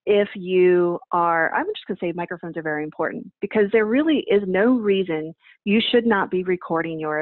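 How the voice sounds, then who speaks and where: Speaking from her home office, a guest in her forties answers interview questions over a video call, using emphatic examples and rhetorical questions to explain event planning. Her voice sits lowish, with no echo, and the call audio comes through dry and tinny, almost phone-like.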